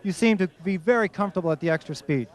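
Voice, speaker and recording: A man's voice: high-pitched, fast talker. A man reporting from victory lane, asking enthusiastic questions outdoors at a racetrack. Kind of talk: post-race interview.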